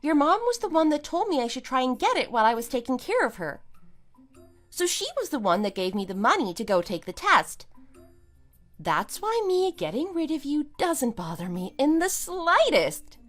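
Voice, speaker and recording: In this amateur audio drama, a woman with a high, very animated voice plays a wronged wife throwing out her cheating husband. She speaks at normal speed in a sarcastic, emphatic way, sounding smug, scornful, triumphant and matter-of-fact. Soft music plays in the background.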